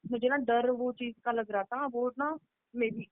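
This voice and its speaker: On a tinny, dry phone line with background noise, a woman with a slightly high voice speaks at a measured pace with fairly even intonation. She is calling her spiritual teacher for guidance, recounting a meditation vision in a rambling way with many fillers and restarts.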